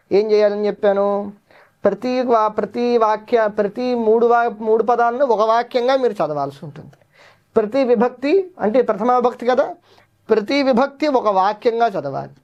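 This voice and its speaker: A man teaching a language lesson, reciting word forms one by one in measured drills and asking his pupils questions. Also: high voice, a little mellow. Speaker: Sanskrit teacher. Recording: dull lo-fi recording.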